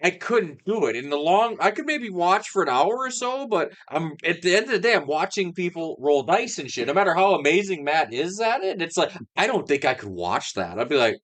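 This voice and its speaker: Animated, lively-voiced man chatting casually. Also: on the high side, a little fast, hardly any pauses. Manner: rambling, animated, swears casually. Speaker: podcast co-host. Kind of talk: casual chat.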